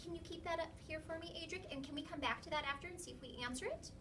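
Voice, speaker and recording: Very high-pitched and very fast, a woman elementary school teacher reads to a class of young children, explaining and quizzing them as she goes with plenty of "okay". The mic sits across the room, with a noisy classroom behind her.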